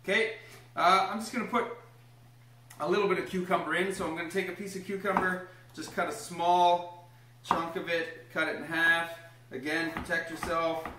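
A young man with a high, steady voice talks at a moderate pace while demonstrating a recipe in his home kitchen, which sounds echoey and has some background noise. As a home cooking host, he stays upbeat and encouraging, walking through each step and cheering on the small child helping him.

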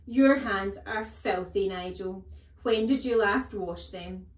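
A woman's voice: mid-range voice, slow pace, lightly acted. A woman voicing a huge, bullying headmistress who barks contemptuous commands and insults in a children's storybook reading. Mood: furious. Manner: barking, bellowing commands, contemptuous. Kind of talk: children's storybook read-aloud. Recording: echoey room.

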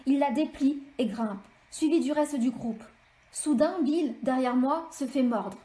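A woman author reading an extract of her novel aloud in steady, measured storytelling. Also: high-pitched. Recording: echoey room.

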